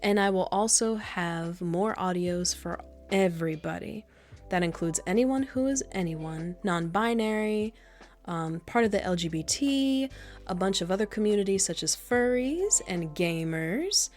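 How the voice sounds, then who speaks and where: A woman ASMR creator talking in a soft, proper and a little monotone whispered role-play manner, slightly nasal, cooing endearments. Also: mid-range voice, a little slow, soft background music. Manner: coos endearments like darling.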